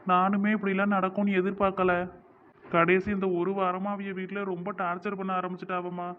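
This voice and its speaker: A woman's voice: mid-range voice, completely flat delivery, fairly quick, narrow, tinny audio, slight background noise, lightly acted. A woman voicing an earnest, apologetic young man in a cartoon, speaking in a southern Tamil village dialect.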